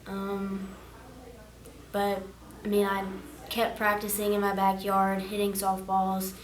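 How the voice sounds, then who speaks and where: Earnest, soft-spoken teen girl athlete, roomy echo. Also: medium pitch, completely flat delivery, takes it slowly, a little hiss or hum. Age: teens. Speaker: graduating student, softball player.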